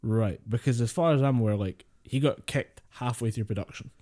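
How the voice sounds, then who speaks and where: A man's voice: medium pitch, a little fast, mellow. A young man co-hosting a podcast, chatting casually with wry jokes and some swearing. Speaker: podcast co-host. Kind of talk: casual chat.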